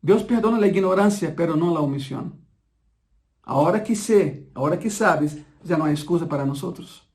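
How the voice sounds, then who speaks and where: A man preaching a sermon, emphatic and repeating key phrases slowly so the congregation absorbs them. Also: fairly high pitch, darkish tone.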